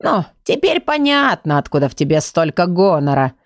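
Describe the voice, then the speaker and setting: A woman's voice: sits low, lively intonation, moderate pace, darkish tone, no echo, clean studio sound. A woman voicing a sarcastic, mocking male book of magic rules. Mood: snide. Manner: snide, mocking.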